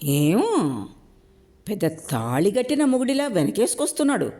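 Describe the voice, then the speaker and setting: Mocking older village guy, all sneers and jabs, kinda high, lady doing the voice. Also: big pitch swings, a little slow, a little mellow. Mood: sneering. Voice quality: mocking, sarcastic delivery. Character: sneering older man, a scheming village elder.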